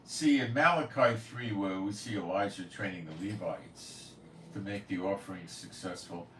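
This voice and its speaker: Deep-voiced yet fairly bright in tone, the man running the prophecy channel talks at normal speed in an offhand, rambling monologue, scornful and opinionated. He sits far from the mic in an echoey room, with faint noise present.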